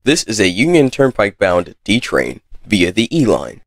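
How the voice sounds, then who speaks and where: Male transit announcer, airport-announcement style: formal, measured, slightly deep, animated intonation. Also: dry recording, studio quality. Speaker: train announcer.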